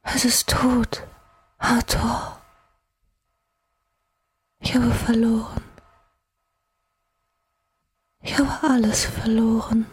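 Worn-out goddess barely breathing the words, high and husky, lady reading it. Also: level tone, slow, long pauses, full character voice. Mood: despairing. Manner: faint breathy whisper. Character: dying exhausted goddess Isis, whispering.

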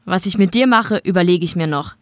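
A woman voicing a smug older male mafia boss with a calm, menacing manner. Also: on the low side, brisk, no room sound, natural voice.

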